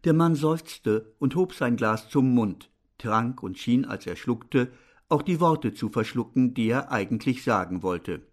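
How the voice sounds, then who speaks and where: A male narrator reading a novel aloud in a measured, even storytelling manner. His pitch sits in a typical middle range for a man. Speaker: audiobook narrator. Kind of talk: scripted narration.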